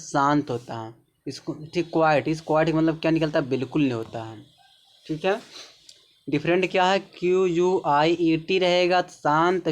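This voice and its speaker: A man with a Hindi accent teaching English pronunciation, explaining slowly and repeating words, often checking in with the viewer. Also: on the high side.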